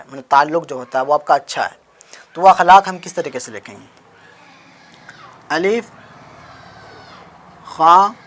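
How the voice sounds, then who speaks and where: A man's voice: fairly high pitch, a bit bright. A man with a slightly raised voice teaches handwriting in a patient, repetitive way. He spells out each letter in turn and keeps asking questions that he then answers himself. He speaks close to the mic as he writes. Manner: spells out letters one at a time. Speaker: Urdu writing teacher. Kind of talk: explanatory handwriting lesson.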